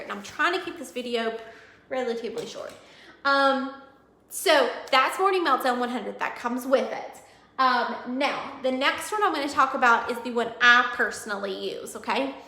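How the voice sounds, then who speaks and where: A woman fitness coach chatting through a nutrition plan in a casual video, rambling with many ums and self-corrections, a bit hoarse. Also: fairly high pitch, pushed and bright. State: losing her voice. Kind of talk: casual product walkthrough video. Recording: echoey room.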